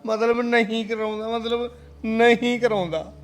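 A man's voice: high voice, steady tone, moderate pace, a little hiss or hum, lightly acted. A man playing a whiny lovesick son. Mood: pleading. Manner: whining, pleading. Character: whiny lovesick son missing his wife.

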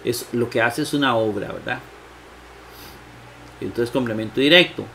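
A man teaching Greek grammar in a slow lecture, thinking aloud with many fillers and asking himself rhetorical questions. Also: mid-range voice, gravelly, sharp tone, slight background noise. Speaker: Bible exegesis teacher.

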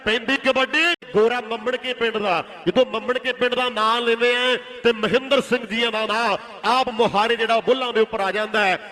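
Male kabaddi commentator, Punjabi accent, sharp and extremely high, repeating lines rhythmically in live rural sports calls. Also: fairly even intonation, brisk, few pauses. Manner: repeats phrases in a rhythmic run.

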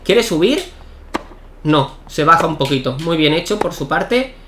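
A young man giving excitable live commentary while playing a tennis video game, shouting at key points. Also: fairly high pitch, measured pace, noisy background. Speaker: gaming YouTuber.

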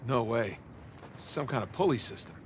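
An actor playing a quick-witted adult male adventurer in a video game, with dry, sarcastic quips. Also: mid-range voice, animated, natural voice. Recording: game audio with boat and water noise.

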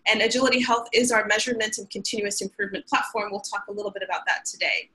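A woman's voice: medium pitch, steady tone, rapid-fire, bright, forceful tone, low-quality recording. A woman from Sudan hosting a webinar over a video call, upbeat and peppered with filler ums. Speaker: webinar host. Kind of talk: webinar presentation. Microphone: webcam on video call.

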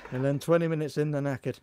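A man's voice: fairly high pitch, darkish tone, a little hiss or hum. A man hosting a casual gaming session, playful and chatty, who drifts into song and silly voices. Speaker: let's play host. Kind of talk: casual chat while gaming.

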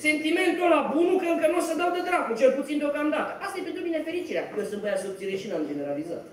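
Young guy acting as a cocky lazy schemer, high voice, big echoey theatre sound from far off. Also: lively intonation. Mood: boastful. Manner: swaggering, theatrical, laughing at his own schemes. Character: boastful cynical young man-about-town, idle schemer. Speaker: stage actor. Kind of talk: live stage comedy acting. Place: small cafe theatre stage, indoors. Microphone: far camera mic. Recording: echoey theatre, distant mic, noise.

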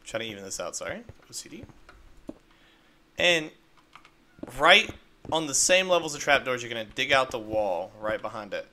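A man's voice: medium pitch, animated, normal speed, long pauses, sharp tone, slight background noise. A man casually narrating a game-building tutorial step by step, upbeat and playful with little sound effects. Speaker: Minecraft video creator.

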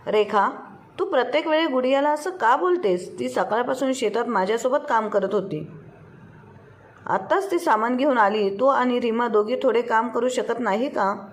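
A woman's voice: on the high side, normal speed, lightly acted. A stern village farmer and father from a storybook, voiced by a woman narrator. He talks firmly and with reproach, in a raised, plain voice. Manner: firm, reproachful.

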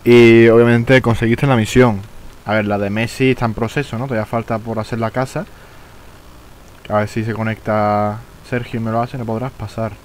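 A man's voice: mid-range voice, flat delivery, normal speed, a little hiss or hum, rough recording. Young man streaming a game. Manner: casual, swearing, frustrated outbursts. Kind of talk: live gameplay commentary.

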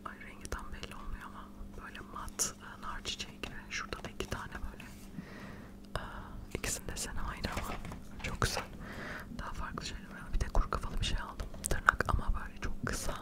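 Sitting in a furnished living room at home, a middle-aged ASMR creator keeps her voice to a soft late-night whisper, talking fast right up against a furry mic. Her chatter is loose, meandering, and self-deprecating.

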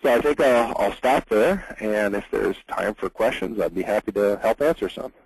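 Soft-spoken man presenting a science webinar. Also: lowish voice, normal speed, creaky, husky, dry recording, low-quality recording. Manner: earnest, explanatory, with frequent fillers.

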